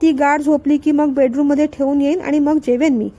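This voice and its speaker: A woman reading the lines of a gentle, doting young father in a storybook reading. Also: sits high, fairly even intonation, a little fast, close to an everyday voice. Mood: tender. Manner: soft coaxing tone.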